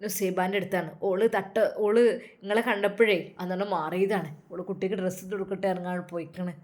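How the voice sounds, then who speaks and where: A woman voicing a fretful, devout elderly mother who speaks in a low, murmuring, sighing way. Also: fairly even intonation, fast, darkish tone, lightly acted. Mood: lamenting.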